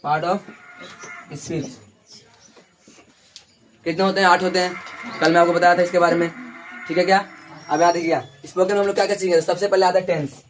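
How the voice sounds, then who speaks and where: A man's voice: sits high, fairly even intonation, brisk, pauses often, slight background noise. A man teaching an English lesson in a classroom, repeating key words and checking in with students constantly.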